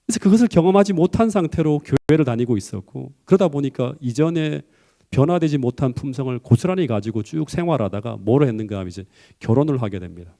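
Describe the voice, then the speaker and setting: A middle-aged man, a pastor, preaching a sermon and telling a personal story in an animated way that climbs to emphatic high peaks. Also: quick pace, gravelly.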